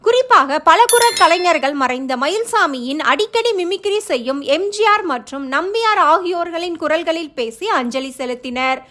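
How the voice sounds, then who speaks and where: Woman news voiceover, high voice, formal steady read. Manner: even, formal reading. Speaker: news narrator. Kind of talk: scripted news voice-over.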